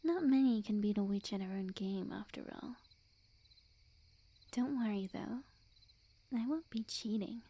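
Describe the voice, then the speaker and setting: Her lovestruck witch, voiced in full character for a scripted ASMR roleplay directed at the listener, hides possessiveness beneath sweetness. The woman's fairly high voice is mellow, soft, very breathy and frequently whispered, and her delivery is slow, coy, teasing and completely self-assured.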